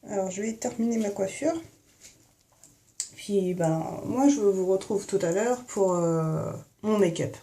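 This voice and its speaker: Young woman doing a chatty makeup video in her bathroom, mellow tone, says en fait a lot, headset mic on her phone. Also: medium pitch, slow. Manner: chatty, many fillers and "en fait". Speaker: beauty vlogger. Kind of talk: casual hair and makeup tutorial.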